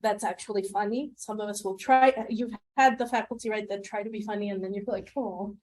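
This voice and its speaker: Her mid-range, slightly mellow voice brisk and steady, a middle-aged woman conducts a teaching workshop in a classroom. She engages everyone through questions and echoes their answers back.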